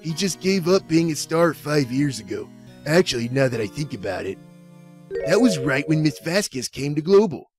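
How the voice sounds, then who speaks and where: With faint music behind him, a man with a fairly high, sing-song voice speaks at normal speed, voicing an amateur game fandub character. The role is an earnest, meek male action-show actor who is hesitant, gentle and unsure, delivered in an informative mood.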